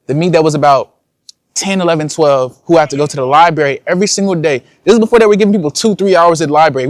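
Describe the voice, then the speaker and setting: A man's voice: a little high, no room sound, studio quality. A young man, a content creator, talking casually and slangily to his viewers in a vlog. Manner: casual slangy talk, addresses viewers as y'all.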